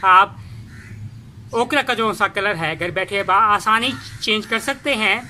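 A man hosting a casual gardening tutorial in his home garden, talking in a halting way with many fillers and restarts. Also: high voice, bright, forceful tone, slight background noise. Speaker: gardening channel host.

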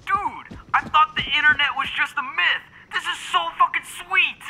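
Guy voicing a loud dumb bro soldier, swaggering, voice jumping way up high, bright and sharp, fan machinima. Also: sing-song, moderate pace, a little hiss or hum, full character voice, rough recording. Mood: excited. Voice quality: brash, swaggering, shouty. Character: loud brash young male soldier, dim bro. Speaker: squad soldier. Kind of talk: amateur machinima voice acting.

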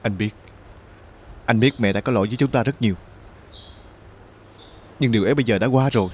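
A young man acting as a son who pleads with his mother and gently talks with his brother, in earnest drama acting. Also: mid-range voice, fairly quick, slight background noise, lightly acted. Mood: gentle. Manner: earnest, pleading, rising to anguish. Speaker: grieving son.

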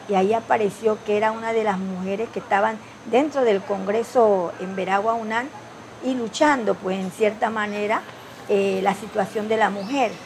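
A woman reflects aloud in a hesitant, conversational way, leaning on fillers and tag questions. Her voice sits at an ordinary pitch, with faint noise in the background. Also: low-quality recording. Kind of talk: casual interview reflection.

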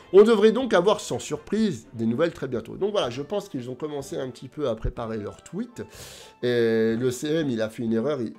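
A man's voice: a little high, a little mellow. A man hosting his own video channel, chatting casually and animatedly straight to his viewers. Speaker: YouTube host.

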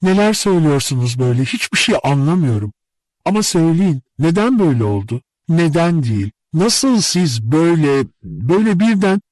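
A heartbroken young woman, put on by a male audiobook reader, pleads through tears, her voice lifted well above his usual register and swinging widely. She sounds husky and close in a dry studio. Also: on the high side, expressive, unhurried, a little mellow, dry recording, pitched above the performer's own voice, low-quality recording. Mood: bewildered. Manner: tearful, pleading, breathless questions. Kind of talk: audiobook character reading.

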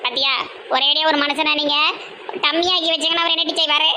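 A woman's voice: high-pitched, fairly even intonation, fairly quick, bright, forceful tone, a little hiss or hum. A woman with a Tirunelveli Tamil accent acting in a comedy sketch, talking in a brash, scolding way.

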